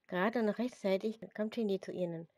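A woman's voice: mid-range voice, fairly quick, a little mellow, dry recording. A woman reading her own story aloud as plain narration, with small slips and restarts.

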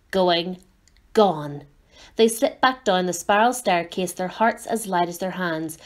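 A woman reading a children's novel aloud in a clear, steady, expressive way. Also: medium pitch. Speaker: storyteller.

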